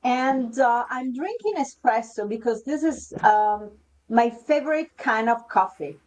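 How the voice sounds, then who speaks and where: A woman's voice: on the high side, expressive, a little slow, a little mellow, poor audio. A woman, speaking English as a guest on a podcast, explaining in a hesitant way with restarts. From Italy. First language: Italian. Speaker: podcast guest, leadership consultant. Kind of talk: casual interview chat.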